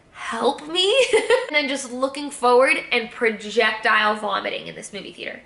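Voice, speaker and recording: Bright, chatty young woman vlogger. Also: on the high side, roomy sound. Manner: chatty, swears freely, laughs through the story. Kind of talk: casual storytime.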